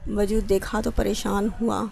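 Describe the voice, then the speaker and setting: Brief: female narrator of a romance novel, level delivery, low gravelly fry. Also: level tone, a little mellow. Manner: reads dialogue of both characters with little change of voice. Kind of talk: novel reading.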